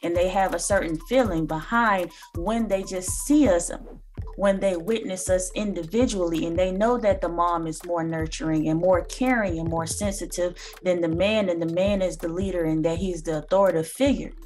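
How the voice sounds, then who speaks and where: A woman's voice: lowish voice, normal speed, a little mellow, soft background music. A woman in her thirties, host of a reaction channel, giving earnest, lecturing commentary with occasional ums, recorded indoors on a phone or webcam. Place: small room indoors.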